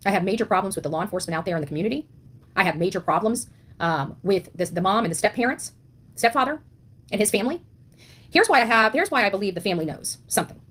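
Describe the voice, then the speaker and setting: A woman's mid-range voice, fairly bright with a breathy edge, carries an indignant online monologue about a missing child. She's blunt and impassioned, leaning heavily on rhetorical questions and repeated points.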